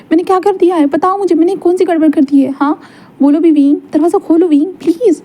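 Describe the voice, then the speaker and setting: A woman's voice: very high voice, fast, dark tone, pitched above the performer's own voice. A woman voicing a young male superstar who begs and pleads over and over in a whiny way. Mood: pleading.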